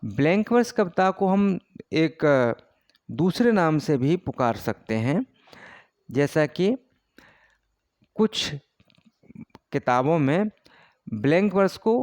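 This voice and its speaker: A man teaching a poetry lesson at an unhurried, deliberate pace. His voice sits a little high, and he uses many fillers while he explains. The sound is dry and close, with no room echo. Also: very animated, a little mellow. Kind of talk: exam-prep lecture on poetry.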